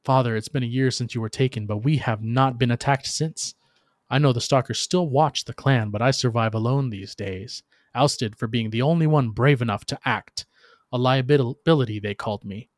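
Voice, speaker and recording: A man's voice: medium pitch, normal speed, dry recording, studio quality. Solemn, theatrical man as a bitter warrior. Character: bitter, bloodthirsty alien warrior recounting his past. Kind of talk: dramatic scripted narration in character.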